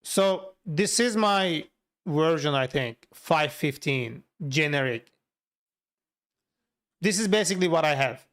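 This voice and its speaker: A software developer from Turkey chats casually on a livestream while working and answering viewers, speaking with a Turkish accent as a native Turkish speaker. His voice is fairly high and bright, expressive, and slow, with long pauses.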